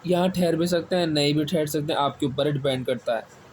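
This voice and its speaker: Male tutor, fairly high voice, patient classroom lecture, repeats each point, faint hiss behind. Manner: asks questions and answers them himself, repeats key words slowly. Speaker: Quran reading teacher. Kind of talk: step-by-step classroom explanation. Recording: faint background noise.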